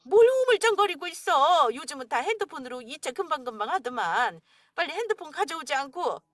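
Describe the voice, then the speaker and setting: Woman doing gruff father-in-law, scolding, lively swings, dry close sound. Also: sits high, fairly quick, no echo, soft background music. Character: angry middle-aged father-in-law, blustering businessman. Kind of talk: dramatized story radio.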